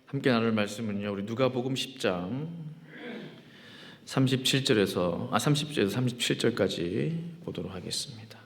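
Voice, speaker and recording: A man pastor preaching a sermon. He reads scripture aloud and prays, then talks through his points in a conversational way with frequent pauses and fillers. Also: medium pitch, lively intonation, a little hiss or hum. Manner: leads congregation in call-and-response, then reads scripture and prays. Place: church sanctuary. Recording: long hall reverb in church.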